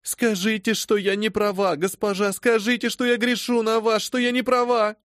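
A man's voice: sits high, level tone, normal speed, a bit bright, dry recording, studio quality, pitched above the performer's own voice. A man voicing a frantic, tearful young female servant who pleads breathlessly in an audiobook reading. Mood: pleading. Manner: breathless, sobbing pleas.

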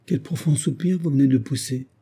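A man's voice: medium pitch, fairly quick, dark tone, slightly rough, pitched above the performer's own voice. A man voicing a worried mother questioning her grown son anxiously.

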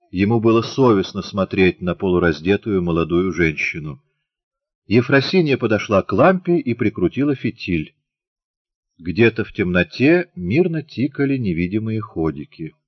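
Low male audiobook reader, measured, dry and dull sound. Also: sing-song, no room sound. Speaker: narrator. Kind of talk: audiobook narration.

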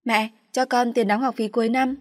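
A woman's voice: a little high, fairly even intonation, normal speed, in a large hall, pitched above the performer's own voice, close to an everyday voice. A woman voicing a meek, dutiful young daughter who answers politely. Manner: polite, soft and submissive.

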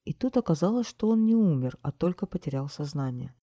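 Woman narrating a storybook, dark husky voice. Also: deep voice, a little fast, dry recording, clean studio sound. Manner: lively expressive reading. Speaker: audiobook narrator.

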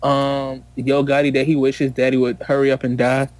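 A man's voice: mid-range voice, completely flat delivery, normal speed, darkish tone. A man co-hosting a casual chat, blunt and joking, using plenty of slang. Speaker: podcast co-host.

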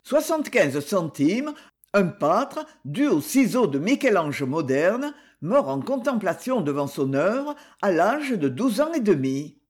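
A man reading the part of an ironic, condescending auctioneer with a husky voice and mock-grand sales patter. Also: sits high, exaggerated voice. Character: ironic condescending male auctioneer, middle-aged.

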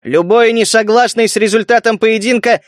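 A man's voice: sits high, steady tone, normal speed, no echo, clean studio sound, natural voice. A man voicing a tough young male leader who barks commands. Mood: commanding. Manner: commanding, barking orders.

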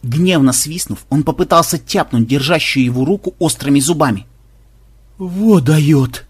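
A man narrating an adventure story in a lively storytelling manner. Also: a little high, fairly quick, breathy edge. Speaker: audiobook narrator. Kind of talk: scripted narration.

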